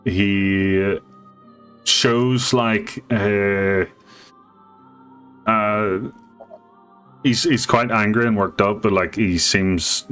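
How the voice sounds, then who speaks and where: A man with a deep voice runs a tabletop fantasy game as game master. He narrates slowly and haltingly, making it up as he goes, with music behind him. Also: steady tone, fairly bright tone, smooth. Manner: halting, improvising.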